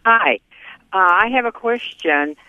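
A woman calling in over a cell phone line that cuts in and out in choppy bursts, her halting words thin and narrow. She talks slowly and keeps starting over in fragments. The sound is dry and close, with nothing of a room around it. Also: mid-range voice, animated, no room sound. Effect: cell phone line breaking up in choppy bursts. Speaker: caller. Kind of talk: call-in question on a radio show.

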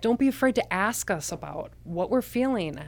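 A woman working as a live sign language interpreter, voicing deaf speakers' signing aloud in the first person at a measured, deliberate pace with some rephrasing. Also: mid-range voice, animated, vocal fry, a little mellow.

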